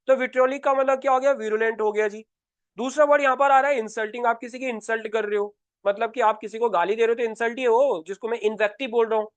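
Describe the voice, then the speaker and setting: A man's voice: extremely high pitch, no echo. A man with an Indian Hindi accent teaching vocabulary for exam preparation, often asking and answering his own questions. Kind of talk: Hindi exam-prep lesson, explaining words.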